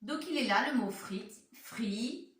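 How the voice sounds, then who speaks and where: In a room with a whiteboard, whether classroom or home, a primary school teacher leads a phonics lesson for little kids, repeating words syllable by syllable in a slow, clear, sing-song way and asking them questions. Her mid-range voice is fairly bright; the far-off mic makes the room sound echoey.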